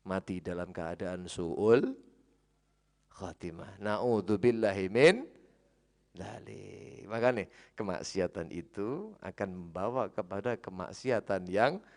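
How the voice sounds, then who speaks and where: A man with a Javanese accent preaching a sermon, telling stories, swinging between loud and hushed. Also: low voice, takes it slowly, gravelly.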